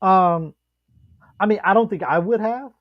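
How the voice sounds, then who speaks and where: Man, lively storyteller, dry close sound, slightly dull lo-fi audio. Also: a little slow, dry recording. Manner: animated storyteller, acts out quotes with big pitch jumps. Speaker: podcast co-host. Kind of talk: casual chat.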